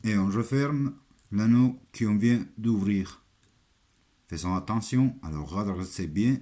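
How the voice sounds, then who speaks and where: Slow-spoken man with an Italian accent. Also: lowish voice, mellow. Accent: Italian accent in French. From Italy. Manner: halting, non-native French with simple repeated phrases. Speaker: armourer giving a craft tutorial. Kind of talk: unscripted step-by-step demonstration.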